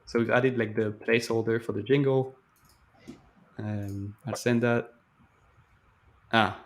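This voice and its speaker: A man's voice: medium pitch, fairly even intonation, unhurried, a little hiss or hum. Chatty man thinking aloud while coding. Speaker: live stream host. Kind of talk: casual coding walkthrough.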